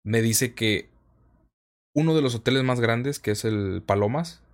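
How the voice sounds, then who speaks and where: A man's voice: mid-range voice, a little slow. A man with a Mexican accent hosting a podcast in a casual, conversational way. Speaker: podcast host.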